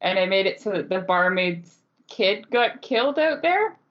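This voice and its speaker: Woman podcast co-host, chatty game master, quick to laugh, muffled lo-fi recording. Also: mid-range voice. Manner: laughs often, animated storytelling. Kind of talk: casual chat. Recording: dull lo-fi podcast audio.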